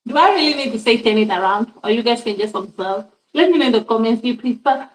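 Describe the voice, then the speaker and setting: Recorded from a distance in an echoey kitchen, this cooking vlogger talks fast and expressively in a voice on the high side. She demonstrates a recipe casually at home, chatting and repeatedly calling her viewers guys.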